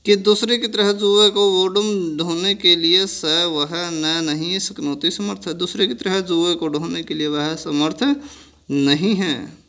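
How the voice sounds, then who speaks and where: Man, teacher, high voice, slow deliberate pace, word-by-word glossing, repeats each sentence, answers his own questions. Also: steady tone, sharp tone. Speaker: Sanskrit teacher. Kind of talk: word-by-word textbook translation lesson.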